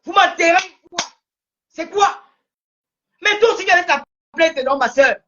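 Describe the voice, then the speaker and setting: Angry Cameroonian woman ranting, high voice. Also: a little slow, bright, forceful tone, muffled recording, a little hiss or hum. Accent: Cameroonian French. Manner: heated, repetitive, scolding, voice breaking at times. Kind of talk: angry social media rant.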